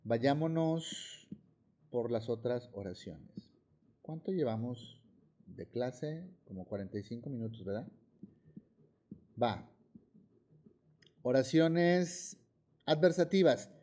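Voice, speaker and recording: A Mexican-accented man teaching a classroom grammar lesson, speaking a little high yet with a warm, mellow tone. He explains with examples and keeps checking that students follow. His delivery is steady and methodical. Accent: Mexican Spanish.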